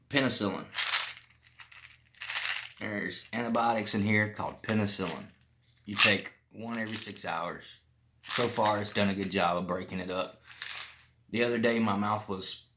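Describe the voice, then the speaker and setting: A man's voice: on the low side, noisy background. A man giving a casual, plain-spoken explanatory vlog, talking with some difficulty through a painfully swollen mouth. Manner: plain-spoken, informal, loosely rambling. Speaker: vlogger sharing personal experience.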